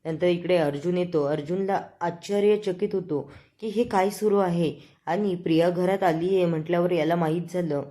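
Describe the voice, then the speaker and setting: A woman's voice: fairly low pitch, fairly even intonation, moderate pace, mellow. A woman retelling a TV serial episode in a conversational way, recounting scenes and quoting what the characters say.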